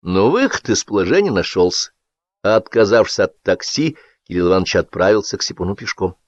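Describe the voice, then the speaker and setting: A man reading a satirical story aloud as an audiobook narrator, with wry, expressive storytelling. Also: sits low, brisk, no echo. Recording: dull lo-fi audiobook recording.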